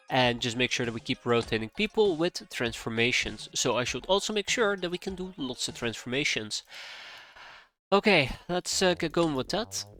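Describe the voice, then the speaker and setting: Soft game music runs beneath a man in his thirties who has a cold and a stuffy nose as he commentates his live strategy game and talks with viewers. Bright and forceful at a typical male pitch, he rambles, muses aloud and is easily pulled off track.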